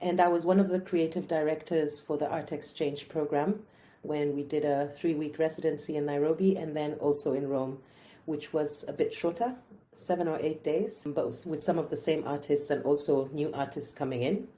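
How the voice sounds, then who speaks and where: A woman, a writer and director, reflecting calmly in an interview on an arts program she co-directed. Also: low voice, moderate pace. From Gambia and Spain. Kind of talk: interview testimony.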